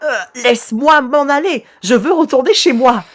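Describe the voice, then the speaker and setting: A woman voicing a terrified male toilet creature, shrill, panicky and pleading. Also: level tone, extremely slow. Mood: panicked.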